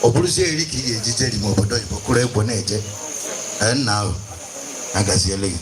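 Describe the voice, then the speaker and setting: Fast and expressive, with a fairly low voice, a Nigerian man with an Igbo accent MCs a live stage event. His showy announcements switch between Igbo and English, and the mic recording carries lots of event noise.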